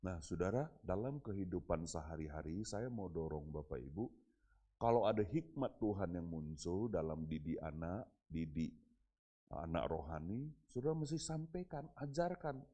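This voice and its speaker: A man's voice: low voice, lively intonation, normal speed, mellow, breathy edge, lo-fi sound. A middle-aged male pastor giving a conversational sermon, speaking straight to his congregation. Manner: conversational, addresses congregation as "saudara".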